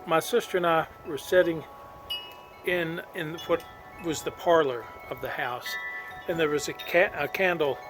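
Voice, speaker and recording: A man's voice: on the high side, background noise. A middle-aged man, reading his own novel aloud and telling its backstory in a folksy way. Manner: folksy storytelling with homespun sayings. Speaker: author.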